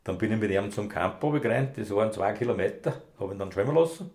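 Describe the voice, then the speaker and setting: A man's voice: fairly low pitch, lively intonation, fast talker, darkish tone. A man, a former rescue dog handler, telling long rambling anecdotes in broad dialect in a casual interview.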